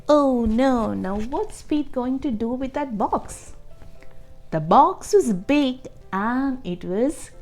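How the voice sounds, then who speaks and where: Her voice sits high with a darkish tone as she hosts a children's story reading. She reads with expression and deliberation, stopping to explain and to pose questions to young listeners.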